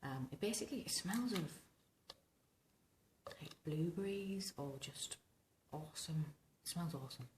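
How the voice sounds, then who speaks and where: A little slow yet animated, a thirtysomething vintage hairstyling vlogger chats ramblingly through a tutorial to camera. She's hoarse from recovering tonsillitis, giving her voice a husky, smoky rumble. There's a roomy sound from her small bedroom plus background noise.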